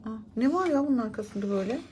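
A woman's voice: fairly high pitch, lively intonation, rapid-fire, a little mellow, slight background noise, natural voice. A woman voicing a chatty, suspicious mother in a children's doll-play story, mildly scolding. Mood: puzzled, grumbling.

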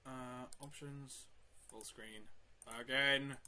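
A man's voice: mid-range voice, fairly even intonation, slow pace, pushed and bright. A young man commentating his own gameplay, swearing and talking to himself, with sudden yelps. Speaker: gamer. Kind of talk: let's play commentary.

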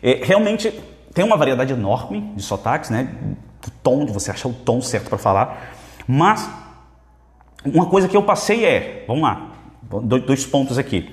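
A man's voice: medium pitch, very animated, moderate pace, pauses often. A Brazilian man teaching Spanish in a live question-and-answer session, reading viewers' questions aloud and repeating phrases with energy. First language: Portuguese. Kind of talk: live Q&A lesson. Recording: echoey room with long reverb.

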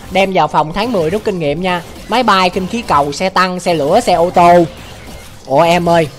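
A young man hosts a casual livestream, reading viewer comments aloud and answering them with joking, exasperated wails. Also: sits high. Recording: faint music in the background.

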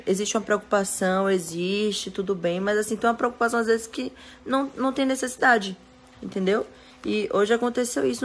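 Filming herself indoors in her bedroom and car with the phone at arm's length, a young woman who dances and works as an influencer chats casually with fans. Her medium-pitched voice is direct and chatty; she addresses them as "gente," stays soft-spoken yet firm about limits, and repeatedly checks in with "tá bom?".

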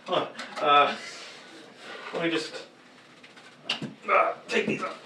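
Filming fighting-game moves in front of an indoor green screen, a costumed young cosplayer speaks slowly at a fairly high pitch, chatting and laughing at his own antics in a giggly, self-mocking manner. The camera mic sits far away in an echoey room, and background noise is audible.

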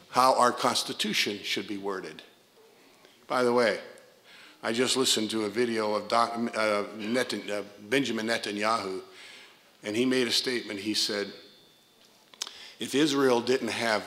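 Low-ish yet bright and forceful, the voice belongs to an older Midwestern American man, a pastor delivering a sermon on a pulpit mic in a church sanctuary. He tells stories and punctuates them with emphatic asides.

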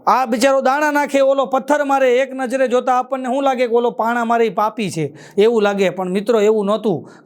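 A man with a Kathiyawadi Gujarati accent telling jokes on stage at a live show, moving briskly from punchline to punchline with a recurring catchphrase. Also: high-pitched. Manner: quick punchlines, ends each joke with a catchphrase. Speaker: stand-up comedian.

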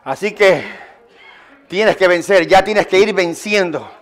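A pastor with a high voice preaches slowly at a Sunday church service, being emphatic and repetitive as he calls on the congregation to respond. The sermon was captured on a live stream.

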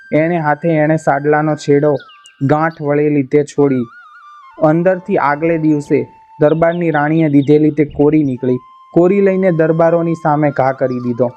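A man with a slightly high voice tells a folk tale in a steady, dramatic way. The recording sounds a little muffled, with soft background music. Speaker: storyteller.

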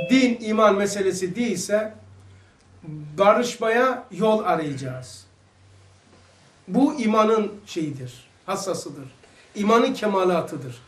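Turkish man teaching in an echoey hall. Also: high voice. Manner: animated, acts out quoted voices, rhetorical questions. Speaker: religious teacher. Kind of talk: informal religious lesson. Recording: echoey room, mic some distance away.

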